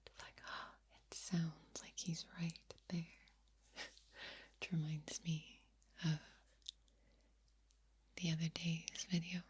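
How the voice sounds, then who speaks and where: Woman, ASMR whisper, breathy, low-pitched, very slow, repeats trigger words. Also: little pitch movement. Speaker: ASMR creator.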